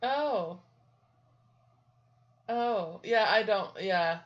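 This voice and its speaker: A woman's voice: mid-range voice, lively intonation, extremely slow. A young woman co-hosting a casual podcast, giggling and laughing often, on dull lo-fi audio. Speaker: podcast co-host. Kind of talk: casual chat.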